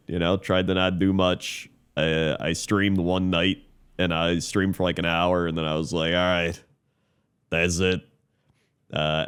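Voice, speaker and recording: A podcast co-host, congested from a cold, rambles through a story in casual chat packed with fillers. His deep, slightly bright voice is smooth and has a Muppet-like quality.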